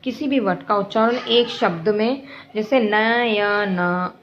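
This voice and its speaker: A woman's voice: a little high, moderate pace, slight background noise. A woman teacher explaining grammar to children, repeating each example patiently and often checking that her pupils follow. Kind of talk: classroom grammar lesson. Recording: dull lo-fi recording.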